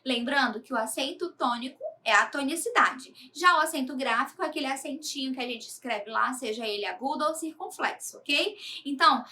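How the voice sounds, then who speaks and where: A woman's voice: high voice, fairly quick, few pauses, pushed and bright. A Brazilian woman teaching a grammar lesson to children, patiently explaining step by step and often checking in with her students. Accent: Brazilian Portuguese.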